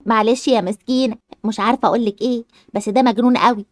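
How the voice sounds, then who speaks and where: A woman's voice: a little high, steady tone, racing, natural voice. A woman voicing a blunt, outspoken woman doctor, speaking in an Egyptian accent. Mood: exasperated. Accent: Egyptian Arabic. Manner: frank, exasperated.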